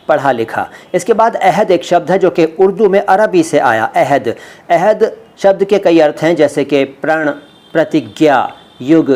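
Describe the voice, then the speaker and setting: Middle-aged male teacher, slightly high voice, deliberate drilled pronunciation, lesson style. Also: a little mellow. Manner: slow, careful pronunciation drills. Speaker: language teacher. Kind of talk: word-meaning lesson.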